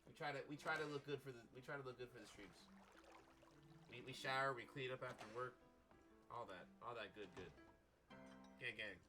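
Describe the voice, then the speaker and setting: A man streaming a video game with a stuffy nose from a cold, chatting and rambling, then bursting into loud excited exclamations. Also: mid-range voice, fairly quick, long pauses. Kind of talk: casual gaming commentary. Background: game music.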